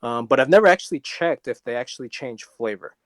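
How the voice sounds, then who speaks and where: A man co-hosting a casual podcast chat, with a dry, deadpan manner and rambling explanations. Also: mid-range voice, fast talker, dry recording. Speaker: podcast co-host.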